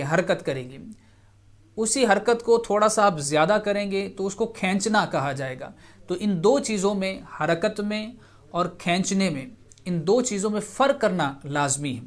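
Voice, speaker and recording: A man with a fairly high voice teaches Quran reading on a TV program. He explains patiently and repeats each rule several times. He slows right down to sound out syllables. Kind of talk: televised Quran reading lesson.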